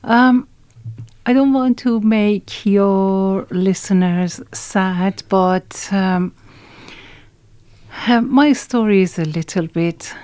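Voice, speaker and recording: An Iranian-accented woman speaks slowly and haltingly, pausing often and reaching for words as a radio guest. Her voice is mid-pitched and sits dry and close in the studio. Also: darkish tone, clear, resonant tone, no room sound. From Iran. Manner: halting and hesitant, many pauses and fillers. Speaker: guest singer. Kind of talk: radio interview.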